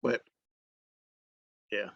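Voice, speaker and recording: A man's voice: drawn-out words, fairly bright tone. A man with a Mississippi accent and a country drawl, chatting casually as a guest. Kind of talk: casual chat. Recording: muffled, dry lo-fi sound.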